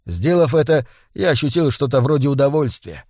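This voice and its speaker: A man narrating a first-person novel as an audiobook, in a measured, restrained manner. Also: medium pitch, big pitch swings, darkish tone, dry recording, studio quality.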